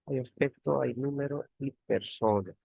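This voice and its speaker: Male teaching assistant, gravelly voice, repeats terms and checks in with the class. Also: mid-range voice, a little slow, mellow, no room sound. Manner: repeats key words, frequent tag questions. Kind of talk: online grammar tutorial. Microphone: computer mic on a video call.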